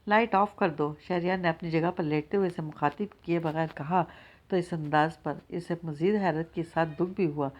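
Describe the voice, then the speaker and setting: A woman narrating a novel in a steady, measured reading. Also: lowish voice, dull audio. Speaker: audiobook narrator.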